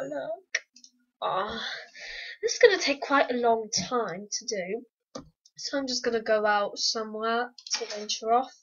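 A woman giving casual let's-play commentary, excitable and repetitive, humming and singing to herself. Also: medium pitch, muffled recording. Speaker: gameplay commentator.

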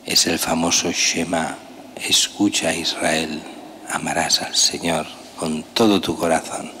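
A man's voice: extremely low pitch, level tone, slow pace, vocal fry, bright, forceful tone. An older man, a priest, preaching a homily at a lectern in a large church, with a conversational, emphatic way of talking and pointed rhetorical questions. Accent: Spanish. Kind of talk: sermon. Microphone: gooseneck lectern mic. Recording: long church reverb, faint hiss.

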